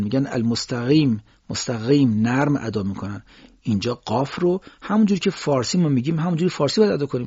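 Husky male tajweed teacher, Persian native, slows to demo sounds, dull lo-fi sound. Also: mid-range voice, darkish tone. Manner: demonstrates sounds by slow, drawn-out recitation. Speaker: Quran recitation teacher. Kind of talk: tajweed pronunciation lesson.

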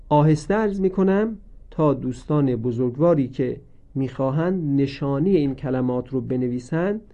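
Guy teaching quran reading, slow and careful, mellow kinda high voice, muffled lo-fi recording. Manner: slow, deliberate, repeats each word with drawn-out recited forms. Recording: dull lo-fi recording.

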